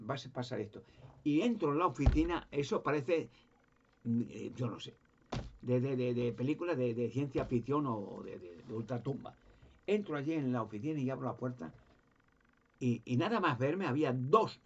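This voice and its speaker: Husky stammering Spanish man. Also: mid-range voice, darkish tone, dull audio. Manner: stammering, repeats words while searching. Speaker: speaker recounting his own story. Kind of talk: rambling first-person monologue.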